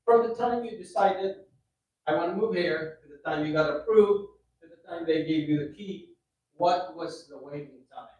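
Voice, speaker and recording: A man in the audience asking a brisk question, keeping it to the point. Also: on the high side, darkish tone. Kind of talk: casual question. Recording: echoey room, picked up from far off.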